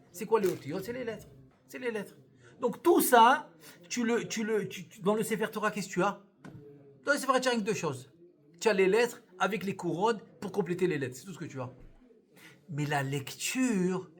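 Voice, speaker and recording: Male rabbi, lively classroom teacher, slightly high voice, repeats and self-questions. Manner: animated, repeats key words, asks and answers own questions. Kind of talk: live Torah lesson.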